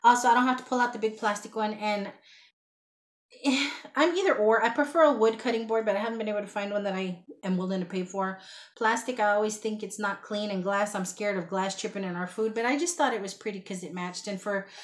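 A woman's voice: mid-range voice, brisk. A woman, chatting casually to a webcam at home as she shows her shopping haul, rambling with self-deprecating asides. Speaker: haul vlogger. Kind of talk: casual haul chat to camera. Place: small home room with shelves, indoors.

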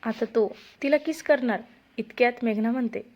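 A woman narrating a romance story in a steady storytelling voice. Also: fairly high pitch, normal speed. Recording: dull lo-fi recording.

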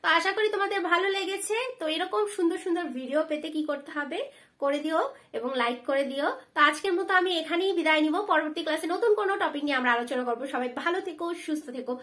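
A woman teacher giving a spelling lesson to children, spelling words out slowly syllable by syllable. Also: sits high, a bit bright.

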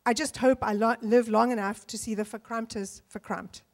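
A woman from South Africa reading passages from her novel aloud on a panel, pausing with many fillers between readings, into a handheld mic in a large auditorium. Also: a little high, fairly even intonation.

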